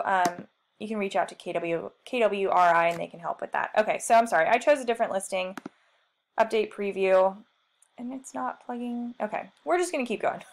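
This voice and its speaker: A woman leading a screen-share software tutorial as a marketing trainer, chatty and self-deprecating, thinking aloud as she clicks through. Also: mid-range voice.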